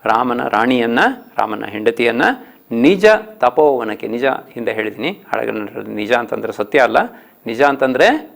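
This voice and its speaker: A man teaching an online lesson, reciting old verse lines slowly and then explaining them in plain everyday speech. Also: mid-range voice, gravelly. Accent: Kannada.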